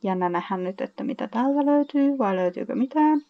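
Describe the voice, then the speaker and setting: A woman giving casual let's-play commentary, chatting to viewers, reading game text aloud and letting out excited shrieks. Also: fairly high pitch, gravelly, dull audio. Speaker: gaming YouTuber.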